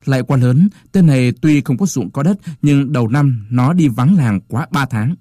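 A man's voice: mid-range voice, expressive, normal speed, mellow, breathy edge, dry recording, clean studio sound. Brief: scheming village chief, bowing and scraping, then nasty, voiced by a male storyteller. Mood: fawning. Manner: obsequious to superiors, spiteful.

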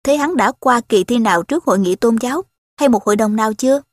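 A woman reading the part of a wealthy young gentleman who teases with dry irony in a spoken story. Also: fairly high pitch, fast, dry recording, lightly acted. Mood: mocking.

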